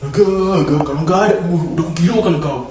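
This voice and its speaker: A man's voice: a little high, quick pace, mellow, very echoey, slight background noise. A man performing a comedy skit with rowdy, teasing banter.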